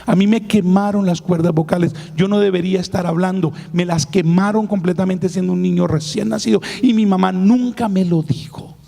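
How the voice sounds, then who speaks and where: A man preaching in a church hall, his hoarse, gravelly voice sitting high for a man but dark in tone. He speaks with emphatic warmth, repeatedly calling out to his listeners as brothers. A long reverb from the hall trails his words. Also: steady tone, fairly quick, hardly any pauses. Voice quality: hoarse, raspy voice. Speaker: pastor. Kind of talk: sermon testimony.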